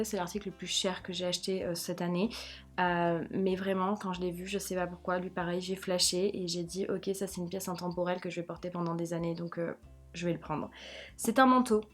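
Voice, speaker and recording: A woman vlogger chatting casually through a fashion haul, gushing and repeating words for emphasis. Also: mid-range voice. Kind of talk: casual haul video chat.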